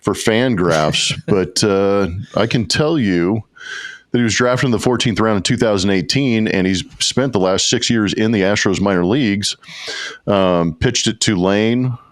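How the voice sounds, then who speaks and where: A man's voice: on the low side, measured pace, no room sound. A man co-hosting a sports podcast in casual chat, easygoing and trading dry jokes. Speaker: podcast co-host.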